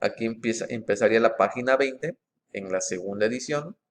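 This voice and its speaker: A man, methodically comparing book editions in an informal walkthrough. He reads passages aloud and pauses often with fillers and restarts. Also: on the low side, slight background noise.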